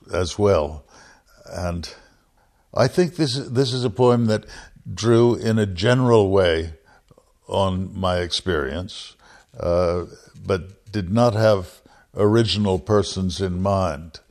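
An older man with a fairly low voice speaks very slowly, choosing each word with care. He answers questions reflectively, pausing often and trailing into soft fillers before going on. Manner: measured, hesitant, with frequent pauses and fillers. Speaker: poet being interviewed. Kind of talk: reflective interview answers and poetry reading.

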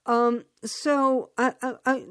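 Female interviewer, somewhat high pitch, very slow measured delivery. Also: flat delivery, clear, resonant tone, dry recording, studio quality.

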